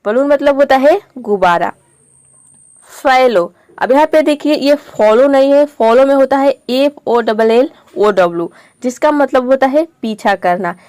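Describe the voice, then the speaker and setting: Patient woman teacher, pitched a little high, dry and close, repeats every example word. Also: a little slow, a little mellow, no echo. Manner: patient, explains step by step and repeats words. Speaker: English pronunciation teacher. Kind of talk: classroom-style video lesson.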